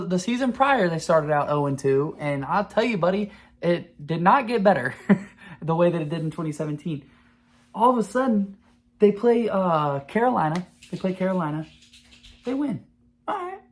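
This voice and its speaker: A man in his twenties hosting a podcast, talking in a rambling, profane, excitable way in casual sports chat. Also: high-pitched, normal speed, pauses often. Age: 20s. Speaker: podcast host.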